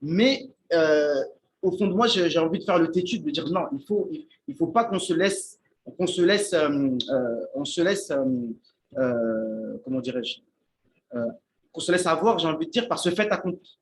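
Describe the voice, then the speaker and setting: Over a shared meal, this Islamic teacher offers a casual lesson on Arabic, halting and thinking aloud with many restarts and repeated words. Checking in with the group, he asks "d'accord?" His voice sits on the high side with lively intonation, and there's a little hiss or hum.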